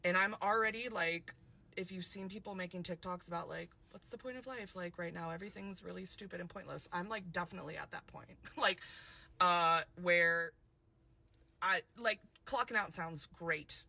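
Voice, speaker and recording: A woman speaking candidly to camera about her own life, halting, with fillers and trailing phrases. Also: fairly low pitch, creaky, sharp tone. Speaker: clip speaker being reacted to. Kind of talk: personal talk to camera.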